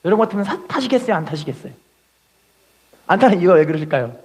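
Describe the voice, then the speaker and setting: Animated woman preaching, husky voice. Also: fairly low pitch, fast talker. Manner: animated, acts out stories, leads the congregation in repeating scripture. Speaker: pastor. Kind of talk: sermon with storytelling.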